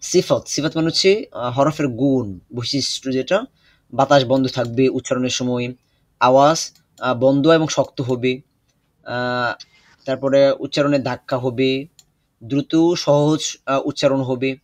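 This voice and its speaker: A young man teaching an online Quran recitation class, patient and repetitive, often pausing with hesitations. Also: medium pitch, fairly even intonation, dry recording. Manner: patient, repeats instructions, many hesitations.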